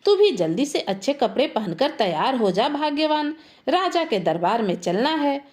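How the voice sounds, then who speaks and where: A woman's voice: high-pitched, very animated, moderate pace, darkish tone. A woman voicing a distraught, irritable village farmer man who has lost his buffalo. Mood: bossy. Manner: grumbling, irritable.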